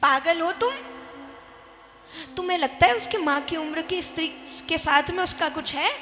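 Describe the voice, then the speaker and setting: Sharp-tongued older mother-in-law, voiced by a woman storyteller, scolding, in a reverberant hall. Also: sits high, expressive, normal speed, a little hiss or hum. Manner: scolding, retorting.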